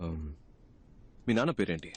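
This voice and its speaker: An actor playing a stern male officer who interviews job candidates, speaking briskly. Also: low-pitched, big pitch swings. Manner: brisk, authoritative. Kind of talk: Telugu film dialogue. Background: film score music.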